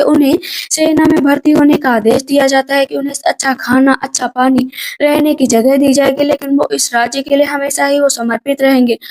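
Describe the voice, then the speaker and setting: High-voiced woman recapping a drama. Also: a little mellow. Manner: quick conversational retelling with filler phrases. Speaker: movie recap narrator. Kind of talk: casual drama recap narration.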